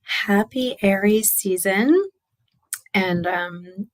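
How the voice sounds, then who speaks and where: A woman speaks with a raspy, worn voice while she recovers from laryngitis. She hosts a casual solo talk as a business coach, upbeat and chatty, with fillers and restarts. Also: medium pitch, very slow.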